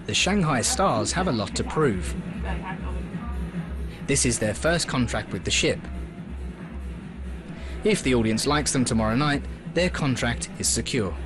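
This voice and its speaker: Male narrator, scripted documentary voice-over, animated pitch, measured delivery, music underneath.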